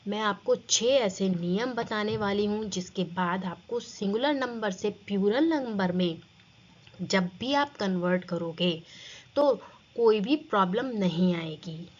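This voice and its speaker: Female grammar teacher, unhurried, quizzing pupils; muffled lo-fi recording. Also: mid-range voice. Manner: asks and answers her own questions, addresses students as children. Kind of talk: classroom grammar lesson.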